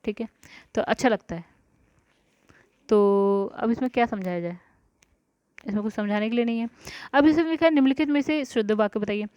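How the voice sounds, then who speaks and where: A woman's voice: on the high side, brisk, pauses often, darkish tone, no room sound. A woman teaching an exam-prep grammar lesson, talking through each answer aloud with frequent check-in words. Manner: talks through answers aloud, often saying "ठीक है" and "guys". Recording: dry, dull lo-fi recording.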